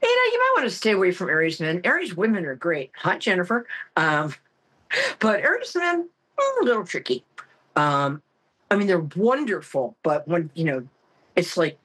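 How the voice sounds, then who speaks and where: Campy, husky woman with swooping pitch. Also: wildly swooping pitch, normal speed, a bit bright. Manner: campy, theatrical, self-mocking. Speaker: psychic tarot reader and call-in show host. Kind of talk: casual, comic monologue to listeners.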